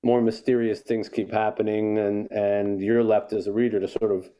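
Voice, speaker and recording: A man's voice: fairly low pitch, little pitch movement, moderate pace, warm tone. An older man, an author guest in a conversational interview, telling a story and reflecting, often restarting his sentences.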